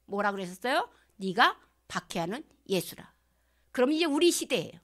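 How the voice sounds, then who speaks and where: A woman pastor giving a sermon, asking the congregation questions and dropping from loud lines to hushed whispers. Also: fairly high pitch, sing-song, moderate pace. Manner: acts out prayers and quotes in changed voices.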